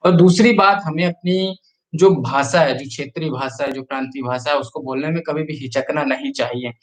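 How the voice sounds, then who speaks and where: A man from Chhattisgarh chats on a live stream in a voice sitting slightly high for a man. He talks easily and at length, reads out viewer comments one after another, and keeps asking people to like the video. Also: moderate pace, rough recording. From Chhattisgarh, India. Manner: chatty, reads out viewer comments and urges likes. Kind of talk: casual live-stream chat.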